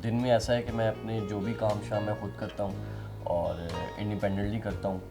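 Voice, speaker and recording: A young man answering interview questions in an earnest, soft-spoken, slightly halting way. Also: lowish voice, flat delivery, music in the background. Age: young adult. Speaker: interviewee, musician.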